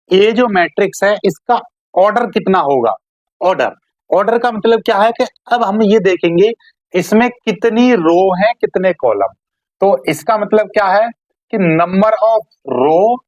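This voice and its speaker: A woman teacher explains math in a steady mid-pitched voice, recorded close and dry with no room sound. She poses questions and answers them herself, checks that everyone follows, and draws out key terms slowly. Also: no room sound, highs cut off. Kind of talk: classroom-style lesson.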